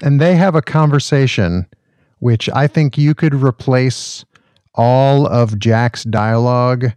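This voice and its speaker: A man in a casual film discussion, telling a relaxed aside. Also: mid-range voice, slow, no room sound.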